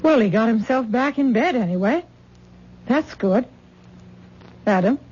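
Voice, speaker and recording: An actress in a 1970s radio drama takes the role of an anxious middle-aged mother, fretting over and coaxing her grown daughter. She speaks unhurriedly in a fairly high, expressive voice with a darkish tone. Slight background noise sits under the dull old radio broadcast recording.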